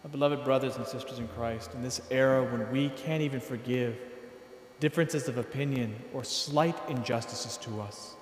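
Priest guy preaching slow and earnest, big church, lots of reverb, a bit far off. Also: mid-range voice, slight background noise. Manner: measured, earnest preaching with slow emphatic phrases. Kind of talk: sermon. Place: large church, indoors. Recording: echoey church hall from a distance.

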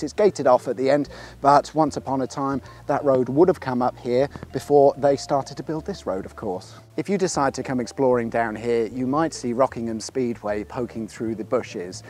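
An English man in his thirties presents an exploration series from an empty open road outdoors, narrating from a script with a dry, sardonic manner. His voice is medium-pitched with a darkish tone.

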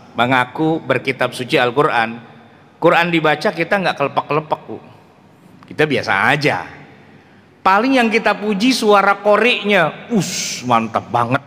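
Middle-aged guy preaching, high voice, lots of jokes, long echo in a big mosque hall. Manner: joking, animated storytelling in slang. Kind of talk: mosque lecture.

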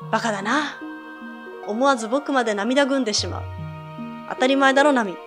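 An earnest young man from a game, protective and firm, who gives orders to the one he guards, read out by a woman. The voice sits fairly high. Faint game music plays underneath. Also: quick pace, close to an everyday voice. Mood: reassuring.

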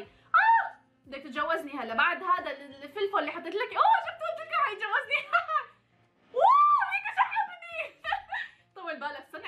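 Young Levantine woman vlogger, bright and fast, animated and teasing, faint music behind. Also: high-pitched. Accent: Levantine Arabic. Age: 20s. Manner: animated, teasing, mock-angry outbursts to viewers. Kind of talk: playful gameplay commentary.

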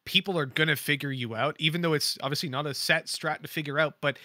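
Man, slightly high and very bright and tense, esports analyst type, animated. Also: fast, no room sound, studio quality. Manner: lively and animated, laughing while retelling stories. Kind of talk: panel discussion on a gaming show.

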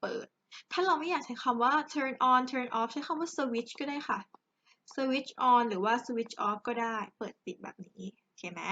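A woman's voice: fairly high pitch, pushed and bright. A young Thai woman teaching an English grammar lesson in a chatty, joking way, addressing her students directly. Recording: dull lo-fi recording.

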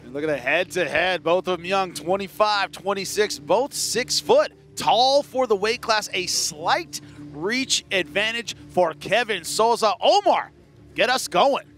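A male play-by-play commentator with a high voice calls a live fight. Music is clearly heard behind him. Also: expressive, measured pace, fairly bright tone.

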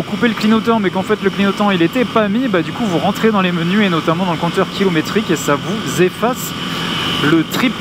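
A man giving casual, chatty commentary while riding a motorcycle outdoors, speaking into a helmet mic and pausing often with fillers. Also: sits high. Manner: chatty, many filler pauses. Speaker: motovlogger. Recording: loud engine and wind noise. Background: engine and road noise.

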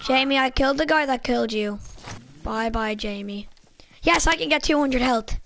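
A woman chatting casually with teammates while she plays an online game, calling out loot and cheering in quick excited bursts. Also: sits high, background noise. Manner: excitable, quick exclamations and callouts. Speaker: gamer streaming her own play. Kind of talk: casual gaming chat with teammates.

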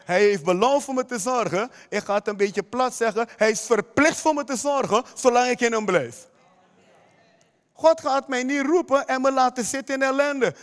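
A man's voice: very high voice, moderate pace, clear, resonant tone, in a large hall. A man preaching a sermon as pastor, emphatic, often putting direct questions to the congregation. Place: church hall.

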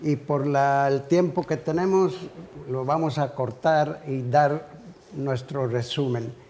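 An older man making unscripted remarks to introduce a colleague, halting and broken into short phrases. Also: mid-range voice, fairly even intonation, a little mellow. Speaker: panel speaker introducing a colleague. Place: indoor conference hall, panel table. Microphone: table conference microphone.

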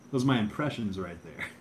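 A man's voice: on the low side, darkish tone, a little hiss or hum. Hesitant young man chatting on a livestream. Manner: hesitant, mumbling, self-deprecating. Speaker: livestream host. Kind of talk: casual livestream chat, reading viewer comments.

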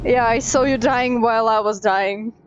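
A woman's voice: a little high, fairly even intonation, moderate pace, muffled recording, slight background noise. A woman streaming a game, chatting casually with a playful, giggly, teasing manner. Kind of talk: casual gameplay chat.

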